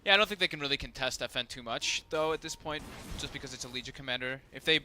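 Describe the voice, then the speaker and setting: Fast-talking man giving sharp esports analysis. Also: mid-range voice, soft background music. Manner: fast, analytical, many fillers like "like" and "you know". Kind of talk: live esports color commentary.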